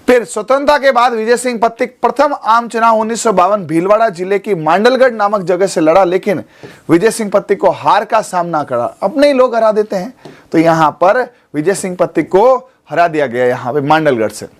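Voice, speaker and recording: Male coaching teacher in his forties, light high voice, coaxing classroom manner, studio lesson. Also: a little fast. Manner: coaxing, keeps checking with students. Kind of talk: exam coaching class lecture.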